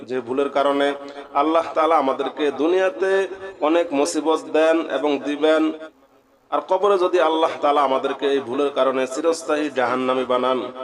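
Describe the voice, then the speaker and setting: A man, teaching Quran recitation in an earnest, warning tone. He spells out the Arabic letters one by one and recites in a drawn-out chant. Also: fairly high pitch, fairly even intonation, crowd noise. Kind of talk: religious lesson with slow Quran recitation.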